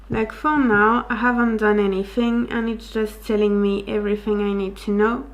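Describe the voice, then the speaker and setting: A woman's voice: on the high side, vocal fry, low-quality recording. A woman doing a casual, chatty ASMR unboxing and product review, thinking aloud as she tests the gear. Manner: rambling, thinking aloud while testing gear. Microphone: close wireless lavalier microphone being tested.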